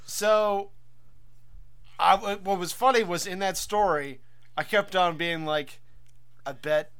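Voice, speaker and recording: Bright, high-ish man, dry close sound. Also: takes it slowly, clear, resonant tone, dry recording. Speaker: podcast co-host. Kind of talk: casual comedic chat.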